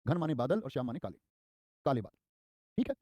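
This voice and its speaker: Fast-talking young man teaching grammar. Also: medium pitch, no room sound. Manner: energetic, repeats key terms and quizzes students; acts out short quoted lines in a raised voice. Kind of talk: live online exam-prep class.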